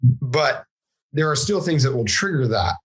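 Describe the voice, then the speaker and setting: A man's voice: mid-range voice, a little slow, a little hiss or hum, poor audio. A man from Southwest Washington, a podcast guest, telling a personal story in casual conversation, acting out what people said. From Southwest Washington, USA. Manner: animated storyteller acting out quoted dialogue, frequent restarts.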